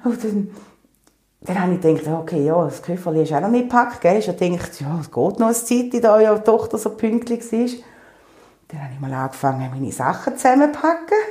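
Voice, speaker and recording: A woman with a Swiss German accent tells a personal story in a casual, animated way, often laughing and acting out her own past words. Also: mid-range voice. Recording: echoey room.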